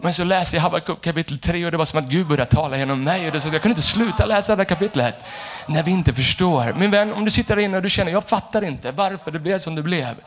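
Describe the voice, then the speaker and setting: A male pastor preaching an animated sermon, jumping from shouted lines to quiet asides. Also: on the high side, few pauses. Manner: animated, shifts between shouting and hushed asides. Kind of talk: energetic sermon.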